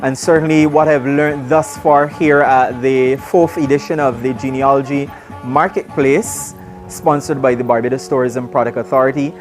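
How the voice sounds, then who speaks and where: A man narrating his vlog from an event in a formal, earnest way. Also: mid-range voice. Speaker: vlogger.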